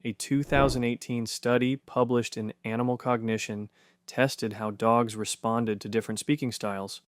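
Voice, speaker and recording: A man giving scripted narration for an explainer video, punchy and conversational with quick rhetorical questions. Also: mid-range voice, level tone, clear, resonant tone, dry recording, clean studio sound.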